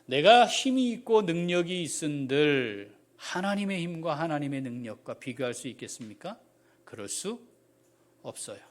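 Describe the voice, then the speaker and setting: A man, the pastor, preaching a sermon with animated delivery, jumping from loud exclamations to quiet asides and questioning the congregation. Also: fairly high pitch, normal speed.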